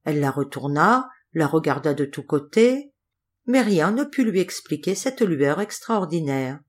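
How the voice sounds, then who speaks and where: A woman reading a fairy tale aloud as an audiobook narrator, calm and measured. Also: deep voice, husky. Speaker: audiobook reader. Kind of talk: storybook narration.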